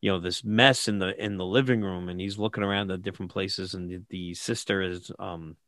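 A man casually retelling a film plot with lots of fillers and animated asides. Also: sits low, fairly quick, no echo, clean studio sound.

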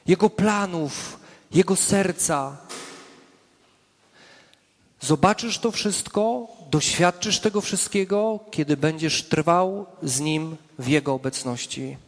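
High-voiced preacher in a reverberant hall. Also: male voice. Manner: earnest, slows down and drops low for emphasis. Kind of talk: sermon with prayer.

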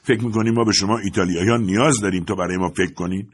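A man's voice: lowish voice, steady tone, slightly rough. A man voicing a contemptuous factory foreman who grumbles, mocks and scolds. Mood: scornful.

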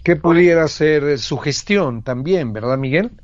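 A man's voice: a little high, expressive, a little slow, no echo, muffled recording. A man hosting a radio talk show, answering a caller with brief encouraging words. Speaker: radio host. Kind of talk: casual chat.

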